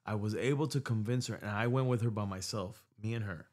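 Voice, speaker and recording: Here the middle-aged American podcaster sounds fairly low and a little mellow, talking fairly fast as he tells a long, casual story into a studio mic on a boom arm, cursing freely and mixing in Spanish.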